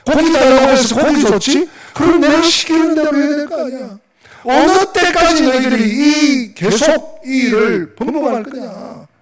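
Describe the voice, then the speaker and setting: A man's voice: very high-pitched, normal speed, voice pushed up. God as a stern scolding father, put on by a male pastor. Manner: exasperated scolding with rhetorical questions. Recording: echoey church hall, distant mic.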